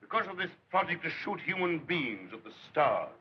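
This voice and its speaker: A man's voice: on the high side, big pitch swings, normal speed, slight background noise. An actor playing a middle-aged male master craftsman who rails against progress in impassioned, declamatory speeches, in 1930s film acting. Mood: rousing. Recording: dull lo-fi 1930s film soundtrack.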